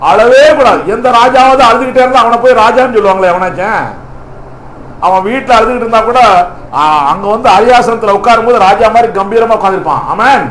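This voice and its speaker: A man's voice: very high voice, fast, a bit bright, a little hiss or hum. A male pastor preaching a fervent sermon, firing rhetorical questions at the congregation and punctuating with hallelujah and amen. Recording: echoey hall.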